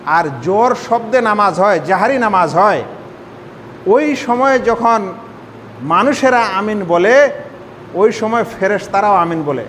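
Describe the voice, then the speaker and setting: High-voiced man teaching in a reverberant hall. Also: a bit bright. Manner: explains step by step, asks the audience rhetorical questions. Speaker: Islamic scholar teaching prayer. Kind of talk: sermon-style religious lesson. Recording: hall reverb, faint rumble.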